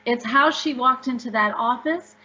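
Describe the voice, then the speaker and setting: A woman's voice: on the high side, normal speed, pushed and bright. A woman author answering interview questions, upbeat and emphatic as she tells stories. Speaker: author guest. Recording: dull lo-fi audio.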